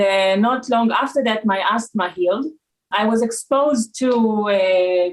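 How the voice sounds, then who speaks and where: A woman in her forties from Israel with an Israeli accent, a raw food consultant talking as a guest in a casual interview, pausing often with uh and um. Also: medium pitch, low-quality recording. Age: 40s. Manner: hesitant, many uh and um fillers.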